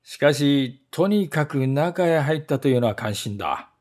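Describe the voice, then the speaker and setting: A gruff, suspicious servant from a storybook who grumbles angrily, as a man reading aloud puts him on. His voice drops lower than the narration and sounds rough and cross. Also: lively intonation, a little slow, darkish tone, close to an everyday voice. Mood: grumbling.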